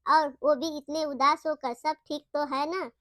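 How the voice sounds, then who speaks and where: Woman voicing helpful village guy, friendly, high voice, dry. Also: fairly even intonation, measured pace, fairly bright tone, no room sound. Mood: concerned. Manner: friendly, concerned. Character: kind helpful village man.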